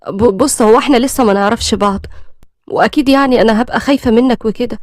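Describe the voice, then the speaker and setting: A woman's voice: a little high, fast talker, dry recording, studio quality, close to an everyday voice. A woman playing a shy young Egyptian bride. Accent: Egyptian Arabic. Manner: soft, hesitant, polite. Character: young shy newlywed bride, gentle and nervous.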